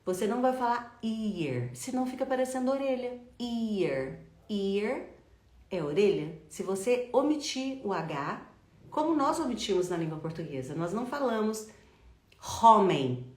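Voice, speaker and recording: A woman teaching English pronunciation, drawing words out slowly and asking the listener to repeat after her. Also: on the high side, lively intonation, a little mellow. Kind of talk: slow, emphatic language lesson. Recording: echoey room.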